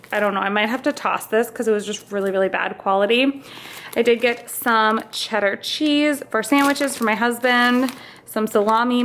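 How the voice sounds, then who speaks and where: A young woman casually talking through her grocery haul as a vlogger, chatty and upbeat, a little out of breath. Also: fairly high pitch. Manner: chatty, upbeat, lists items with fillers like "like" and "um". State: slightly out of breath.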